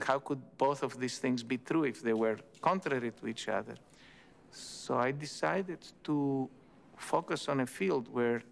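An older man from Turkey, a theoretical physicist, telling his story in a measured, thoughtful interview. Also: mid-range voice, gravelly, a little hiss or hum. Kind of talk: reflective interview. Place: indoor interview set.

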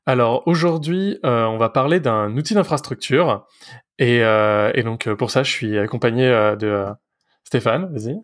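A man at a mid pitch hosting a casual technical podcast. He asks his questions in a halting way, with many fillers along the way. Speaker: podcast host.

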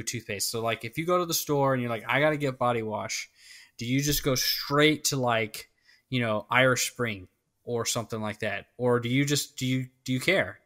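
A man co-hosts a casual podcast in a mid-range, fairly bright voice. He rambles through the chat, interrupting himself and often restarting his sentences.

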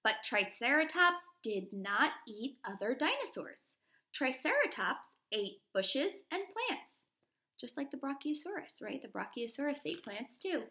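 Her high voice is very animated yet a little slow, with a sharp edge. A primary school teacher in her thirties, she reads aloud to young children in a lesson, explaining simply and asking questions as she goes.

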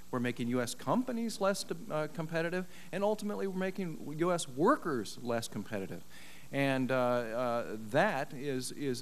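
A middle-aged man testifying as an expert witness, measured and argumentative, on a desk mic in a large paneled hearing room. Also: medium pitch. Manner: measured, argumentative, many uh fillers. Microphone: desk microphone.

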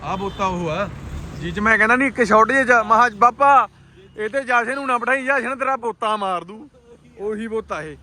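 Male Punjabi vlog host, high-pitched and bright, colloquial teasing banter, faint vehicle and street noise behind. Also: moderate pace. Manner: teasing, colloquial, full of questions. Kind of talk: casual vlog banter with friends.

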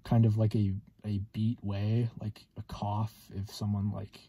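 A man in his twenties talking casually to camera in a hesitant, halting way, with a slightly husky voice, inside a car. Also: fairly low pitch, level tone, warm tone. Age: 20s. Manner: hesitant, halting with long pauses. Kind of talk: casual vlog monologue.

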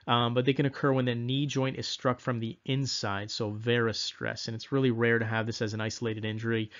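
Male instructor, mid pitch, relaxed lecture with ums, somewhat muffled recording. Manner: casual, self-deprecating, repeats mnemonics with filler ums. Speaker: exam review instructor. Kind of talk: recorded exam-prep lecture.

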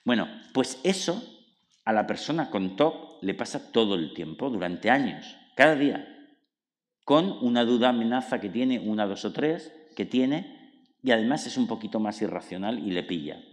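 Casting: male speaker, lowish voice, animated explainer acting out inner dialogues, live talk in a reverberant hall. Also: normal speed. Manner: lively explainer, acts out inner dialogues, tag questions. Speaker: author and psychologist. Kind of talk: public book talk. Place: cultural centre hall.

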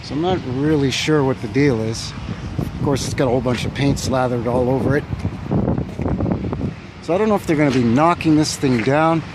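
A vlogger who explores old buildings walks a windy winter street with a handheld phone camera, thinking aloud about an old building. His medium-pitched voice moves at normal speed with long pauses, many fillers and unsure asides in this casual narration. Wind and street noise sit behind him.

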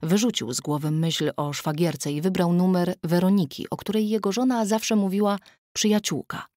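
A woman narrating an audiobook in a steady, even storytelling voice, recorded close on a studio mic. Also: fairly low pitch, normal speed, dry recording. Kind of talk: scripted narration.

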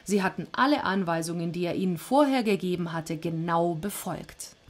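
A woman reading a Greek myth aloud as a storyteller, with lively, chatty asides between passages. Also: on the low side, moderate pace.

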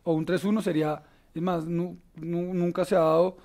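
Man, Colombian accent, fairly high voice, basketball panel host, lots of "eh" fillers. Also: flat delivery, normal speed, darkish tone. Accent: Colombian Spanish. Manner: enthusiastic, many filler "eh"s. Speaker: sports show host. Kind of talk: casual basketball panel talk.

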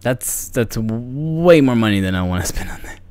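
Talking to his livestream audience, a young video game streamer rambles casually, mocking himself and sounding distracted. His medium-pitched voice is animated and a bit dark in tone, delivered at a moderate pace with no echo. Music plays behind him, and he uses a microphone mounted on a boom arm.

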